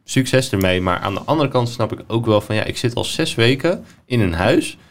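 A man's voice: medium pitch, lively intonation, moderate pace. A man co-hosting a casual chat, blunt and teasing. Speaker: podcast co-host.

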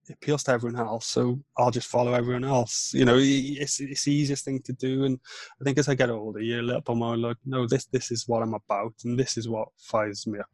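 On a dry recording, a podcast guest from Wales in his thirties talks in a medium-pitched, darkish voice. The casual interview finds him reflective, hesitant, and frequently starting over.

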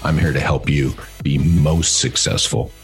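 A man delivering a scripted podcast intro in a measured, promotional way. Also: extremely low pitch, fairly even intonation. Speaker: podcast host. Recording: intro with music behind.

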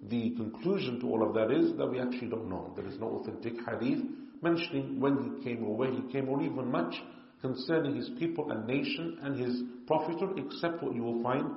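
A man teaching a religious lesson in a calm, explanatory way. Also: mid-range voice, a little fast. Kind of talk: religious lecture. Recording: echoey hall, muffled.

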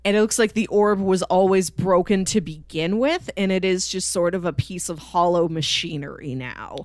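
On the lower side, a woman's voice moves at a moderate pace as she co-hosts a podcast discussing a TV show conversationally, voicing imagined lines along the way. There is no room sound.

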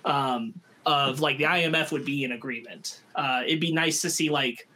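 Husky-voiced man rambling about films. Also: mid-range voice, normal speed, pushed and bright. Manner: rambling, many restarts and fillers. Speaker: podcast co-host. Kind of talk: casual film review chat.

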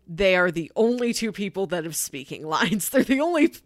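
A woman with an American accent, a podcast co-host, chats casually, enthusiastically and emphatically while recommending films. Her medium-pitched voice is sing-song at normal speed. The recording is dry and studio quality.

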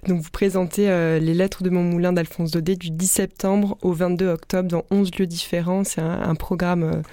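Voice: medium pitch, little pitch movement, moderate pace, dark tone, no room sound. A radio interviewer asking brief questions and summarizing the program steadily.

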